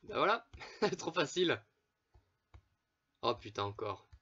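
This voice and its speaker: A man's voice: fairly high pitch, big pitch swings, takes it slowly, sharp tone, slightly rough, highs cut off. A man casually commenting on his own gameplay, chatting to viewers with frequent swearing and laughs. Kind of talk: casual let's play commentary.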